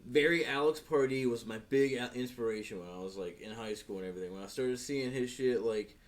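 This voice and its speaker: This podcast guest is a tattoo artist chatting casually, drifting from point to point with an easygoing manner and plenty of profanity. He speaks at a medium pitch and a little fast into a podcast microphone.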